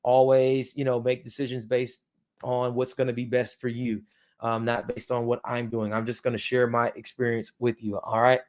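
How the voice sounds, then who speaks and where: Speaking at a normal speed with a flat delivery, this crypto channel host talks viewers through a casual tutorial in a mid-range voice. He wanders off track with many ums and you-knows, his words slightly thickened by dental aligners.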